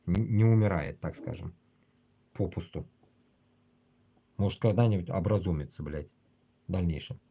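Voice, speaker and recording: A man with a husky voice, ranting casually and bluntly on a livestream with constant swearing. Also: low-pitched, moderate pace, long pauses, mellow, muffled recording. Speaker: livestream host. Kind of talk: casual rambling livestream rant.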